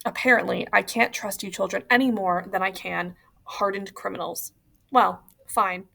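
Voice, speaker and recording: A woman's voice: medium pitch, steady tone, normal speed, vocal fry, bright, forceful tone, heavily acted. A woman reading the part of a stern, scolding male prison warden in an audiobook.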